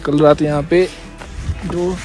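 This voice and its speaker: A chatty travel vlogger with a slightly high voice talks to camera outdoors in the cold, coaxing his car along. Music plays clearly underneath him. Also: level tone, takes it slowly, low-quality recording. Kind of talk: casual vlog narration.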